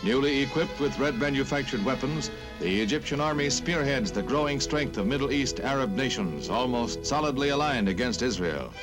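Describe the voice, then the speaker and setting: A man's voice: mid-range voice, expressive, moderate pace, hardly any pauses, rough recording. An American man narrating a 1950s newsreel in a dramatic, punchy announcer's delivery. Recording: old newsreel soundtrack under loud music.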